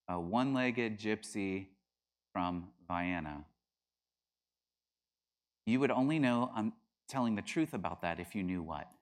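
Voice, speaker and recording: A middle-aged man teaching a class, arguing his points with rising emphasis and acting out quoted voices. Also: fairly low pitch. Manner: animated, acts out quoted voices with bursts of laughter. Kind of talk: classroom lecture.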